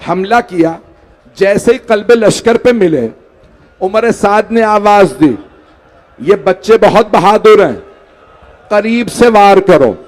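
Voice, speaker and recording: A man's voice: high-pitched, expressive, slow pace, long pauses. A man preaching a mourning sermon, pleading with his listeners and rising into a wailing lament. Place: large hall.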